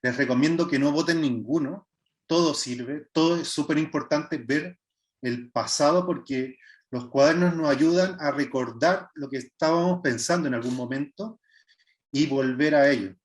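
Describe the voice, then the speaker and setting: A man's voice: on the high side, moderate pace. A man in his thirties with a Chilean accent, a visual artist giving an online workshop and talking in a hesitant way, with many filler sounds and restarts. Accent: Chilean Spanish. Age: 30s. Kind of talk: online art workshop presentation.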